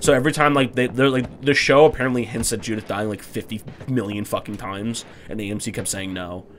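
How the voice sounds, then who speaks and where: A young man in casual podcast chat, rambling excitably with lots of fillers and swearing. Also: fairly low pitch, brisk, a little hiss or hum. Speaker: podcast co-host.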